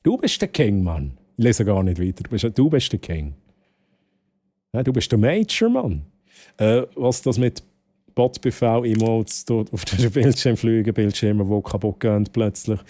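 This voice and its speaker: A game livestreamer from Switzerland chats casually with his viewers in a Swiss German accent, rambling, repeating phrases and slipping in some English words. His voice is lowish and dark, animated yet measured in pace.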